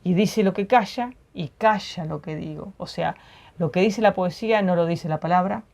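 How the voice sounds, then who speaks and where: A woman's voice: on the low side, vocal fry, a little mellow. Reflective woman reading and discussing poetry. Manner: reflective, measured, frequent tag questions. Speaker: poetry program co-host.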